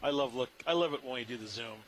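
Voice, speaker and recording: A man's voice: medium pitch, fast talker, fairly bright tone. Guy scientist narrating a live rov dive, kinda amazed and musing, bit of noise on the feed. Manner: marveling, musing. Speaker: scientist commentator on a deep-sea ROV dive. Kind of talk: live unscripted dive commentary. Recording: clearly noisy live control-room audio feed.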